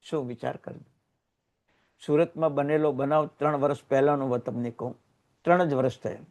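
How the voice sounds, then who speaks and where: A man from Gujarat giving a Jain sermon, telling moving stories with sudden rises in voice and hushed, quiet drops. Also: medium pitch, fairly even intonation, normal speed. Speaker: Jain religious teacher.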